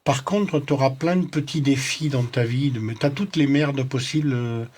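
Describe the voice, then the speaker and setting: A man's voice: medium pitch, normal speed, darkish tone, breathy edge. A man chatting casually as he gives spiritual numerology readings, in an informal, joking and teasing way. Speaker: numerologist guest giving readings to callers.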